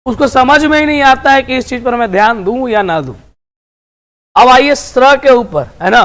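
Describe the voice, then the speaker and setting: Very high-pitched and a bit bright, this man's voice leads an online video lesson on Hindi grammar. He coaxes the students, calling them dear and friends, and tags nearly each sentence with a question.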